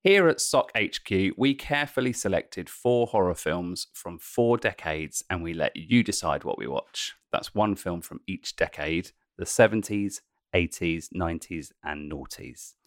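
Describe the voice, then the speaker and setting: A man's voice: deep voice, lively intonation, unhurried, no echo, clean studio sound. A man hosting a casual podcast chat, jokey and punning, laughing often between lines. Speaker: podcast host.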